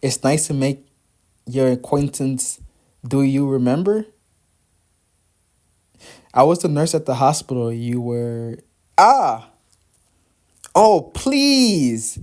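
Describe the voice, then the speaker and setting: A man's voice: medium pitch, expressive, takes it slowly, long pauses, a little mellow. A man voicing Midori, a bubbly young nurse. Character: cheerful young woman nurse, bubbly and forward.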